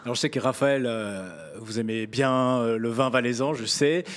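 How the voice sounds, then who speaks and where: A man's voice: medium pitch, fairly even intonation, moderate pace. A man in his thirties with a Swiss French accent, hosting a TV talk show and prompting his guests, into a handheld mic. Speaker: TV host. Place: TV studio in a stone cellar.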